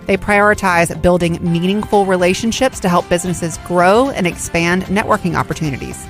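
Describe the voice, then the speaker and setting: A woman's voice: on the low side, moderate pace, soft background music. A woman co-hosting a community radio talk show, reading upbeat lead-ins and asking questions. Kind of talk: radio interview.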